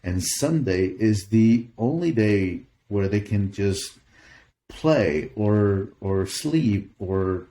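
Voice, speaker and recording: Middle-aged guy from peru, spanish is his first language, warm dark voice, earnest and restarting a lot. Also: lowish voice, lively intonation, drawn-out words, slight background noise. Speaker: pastor. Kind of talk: interview answers.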